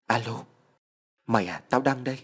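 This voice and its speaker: A man's voice: mid-range voice, moderate pace, fairly bright tone, breathy edge. A man voicing a ghost faking a teen friend. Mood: coaxing. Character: ghost posing as a teenage boy friend.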